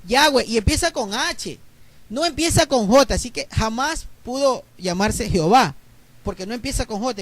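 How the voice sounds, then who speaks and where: Guy preaching a bible lesson, really high voice, dry close sound. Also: no room sound. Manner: explains slowly, spells letters out, asks listeners ¿verdad?. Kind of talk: bible teaching sermon.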